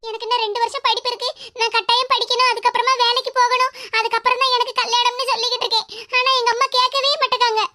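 A woman's voice: very high-pitched, level tone, racing, pushed and bright, a little hiss or hum. A woman voicing a tearful young college girl who speaks with a Kanyakumari Tamil accent, in a plaintive, sorrowful way. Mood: upset. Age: young adult. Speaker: college student. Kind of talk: animated cartoon dialogue.

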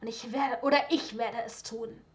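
A woman's voice: a little high, fairly even intonation, normal speed, close to an everyday voice. Woman reading a defiant young aristocrat. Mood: firm. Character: proud young aristocratic son, firm and defiant. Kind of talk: storybook reading.

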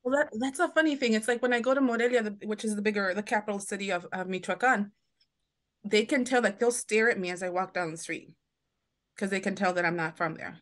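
Speaking quickly in a medium-pitched voice, a woman from the United States tells long, chatty stories as a guest in a casual podcast interview. She restarts sentences frequently and slips into imitations of the people she's quoting.

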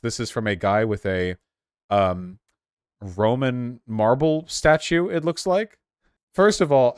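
A man's voice: mid-range voice, no echo, studio quality. A man from Los Angeles, giving sarcastic, laughing live-stream commentary as he reacts to videos, often swearing. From Los Angeles, USA.

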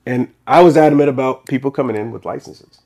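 Laid-back barbershop owner telling stories. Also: male voice, mid-range voice, fast. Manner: relaxed, rambling with restarts, animated when retelling. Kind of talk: casual interview storytelling. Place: small indoor podcast studio.

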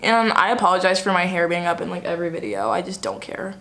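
A woman's voice: fairly low pitch, big pitch swings, fast, a bit bright. Young girl vlogging in a common room, chatty, kinda self-deprecating. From Alabama. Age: young adult. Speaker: student vlogger. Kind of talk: casual vlog chat.

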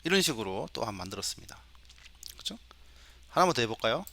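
A man's voice: mid-range voice, very animated, fast talker, vocal fry, pushed and bright. A middle-aged male professor giving a recorded lecture demo, coaxing his students along with questions. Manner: imitates animal sounds for the mic.

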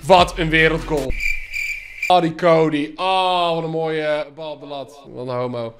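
A man's voice: fairly high pitch, measured pace, faint music behind. Swearing young man commentating his gameplay. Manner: excitable, swears a lot, shouts at goals. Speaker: gaming YouTuber. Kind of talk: live FIFA gameplay commentary.

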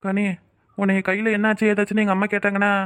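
A woman's voice: mid-range voice, monotone, fast, smooth, close to an everyday voice. Woman doing a worried young cartoon man. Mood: pleading. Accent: Kanyakumari Tamil. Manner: pleading, reproachful.

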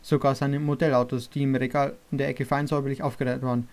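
Guy reading a novel aloud, steady and even, middle pitch. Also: fast. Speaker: audiobook reader. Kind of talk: scripted narration.

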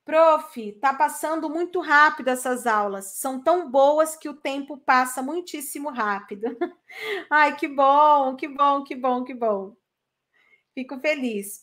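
A woman teaching English in a live online lesson, chatting energetically and then saying model phrases slowly for students to repeat. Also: high voice, fairly bright tone.

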